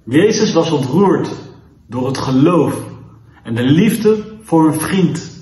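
A man leading a children's church lesson, reading a Bible story aloud in a lively, expressive storyteller's voice. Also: on the high side, slow pace. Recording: echoey room.

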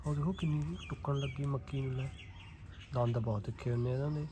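Male horse-keeping vlogger, Malwai Punjabi accent, informal and chatty, mid-pitched, faint background noise. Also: steady tone, brisk, mellow. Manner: informal, chatty, addresses viewers as brothers. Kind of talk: casual vlog chat. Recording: noisy handheld vlog with ambient sound.

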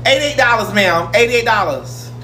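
A woman's voice: on the high side, expressive, moderate pace, over music, close to an everyday voice, low-quality recording. A woman playing an impatient, brusque, bossy phone-store clerk in a comedy customer service impression. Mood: curt, sassy. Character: impatient, sassy female phone-store clerk wanting lunch.

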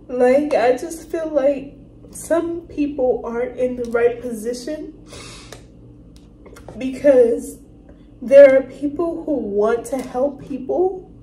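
A woman hosting a reaction video, talking earnestly and emotionally with halting, apologetic restarts. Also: high voice. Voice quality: emotional, soft-spoken. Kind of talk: casual reaction commentary. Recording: roomy room with faint noise.

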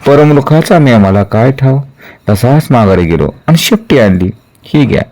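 A man voicing a sturdy, cheerful village blacksmith who speaks in rough rustic dialect. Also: mid-range voice, lively intonation, moderate pace, a little mellow, lightly acted. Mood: plain.

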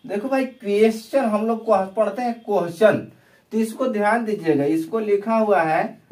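A man's voice: high voice, darkish tone, recorded from a distance. A male teacher giving an English grammar lesson in Hindi, who keeps asking questions and answering them himself. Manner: slow, repetitive, asks and answers his own questions. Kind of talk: classroom lesson explaining tenses.

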